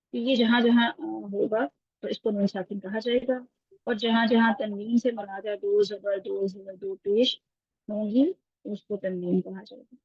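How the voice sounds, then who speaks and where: A woman teaching Quran recitation in an online class, patiently breaking each point down and checking in with her students. Her voice is a bit husky. The call audio is muffled and lo-fi, with a dry, close sound. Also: mid-range voice, dry recording. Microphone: video call.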